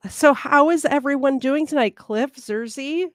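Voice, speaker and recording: A woman's voice: sits high, unhurried, no echo, studio quality. A woman from the American South with a Southern accent, chatting casually as a guest and laughing often. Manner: giggly, apologetic, chatty. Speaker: guest comedian. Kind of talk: casual chat.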